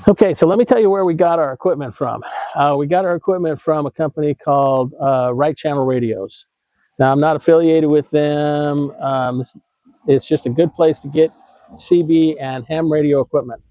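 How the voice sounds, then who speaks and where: The host of an RV tips video channel, an American man, explains a how-to casually, stumbling and self-correcting now and then. His voice is on the high side at a moderate pace, and the lo-fi recording has no echo.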